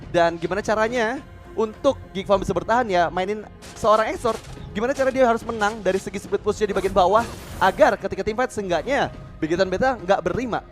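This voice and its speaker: A very high-voiced Indonesian man calls an esports match live in the excited style of a fighting game announcer. He pushes up into shouts at peak moments, with music playing clearly behind him. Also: a little fast. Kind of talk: live play-by-play commentary.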